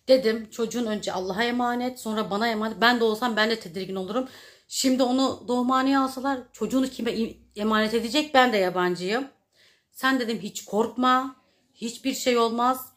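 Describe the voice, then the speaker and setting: Chatty woman telling a story to viewers. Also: medium pitch. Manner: chatty, addresses viewers directly. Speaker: vlogger. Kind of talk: casual storytelling vlog.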